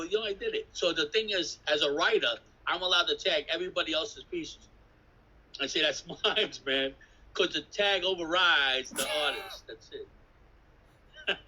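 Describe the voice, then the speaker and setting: Husky older New man rambling. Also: a little high, moderate pace, bright, forceful tone, poor audio. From New York City. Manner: swearing, laughing, jumps between stories. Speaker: interviewee, graffiti artist. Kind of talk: rambling casual storytelling. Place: indoors at an artist residence. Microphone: video call.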